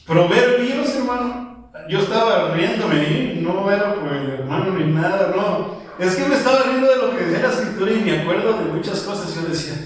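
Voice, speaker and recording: A man's voice: high-pitched, distant mic. Man, preacher, conversational storytelling, very echoey hall, off-mic. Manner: conversational, storytelling, addresses listeners as brother. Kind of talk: informal church Bible commentary. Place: church hall.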